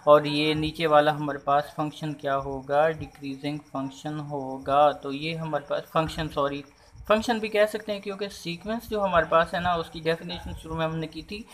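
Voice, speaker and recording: A man's voice: fairly high pitch, fairly bright tone, slight background noise. A man teaching a math lesson, explaining step by step and often asking rhetorical questions.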